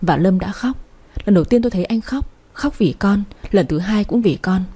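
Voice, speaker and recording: A young woman narrating a first-person story in a soft, even storytelling manner. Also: mid-range voice, moderate pace, slightly rough.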